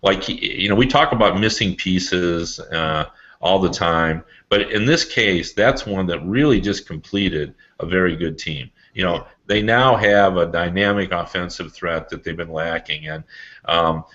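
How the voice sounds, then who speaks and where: A man chatting casually as a sports podcast panelist over an online call, in loose, halting phrases with asides. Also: low voice, a bit bright. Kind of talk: casual hockey discussion. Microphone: remote online call. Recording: dull lo-fi online call audio.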